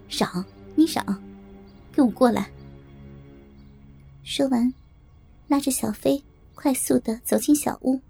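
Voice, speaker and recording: A woman narrating a first-person audiobook in a confiding tone. Her voice is high but mellow, with a gravelly, husky edge and soft music underneath.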